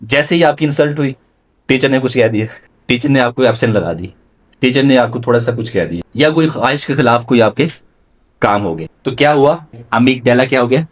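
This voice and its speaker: A male religious scholar giving a classroom lecture, putting questions to his listeners and mixing English terms into his explanations. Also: medium pitch. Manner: quizzes the audience with questions and mixes in English terms.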